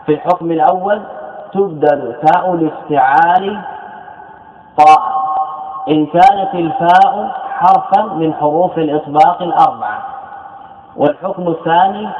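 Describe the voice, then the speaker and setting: A man's voice: a little high, normal speed, long pauses. A male scholar giving a classroom lecture, explaining a verse text and repeating each example word several times. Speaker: Islamic scholar teaching grammar. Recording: echoey hall on a tinny lo-fi line with faint noise.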